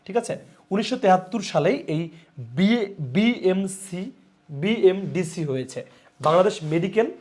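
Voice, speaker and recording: Young male online teacher, slightly high voice, lively exam-prep delivery with lots of repetition. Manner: lively, repeats points and calls out students' names.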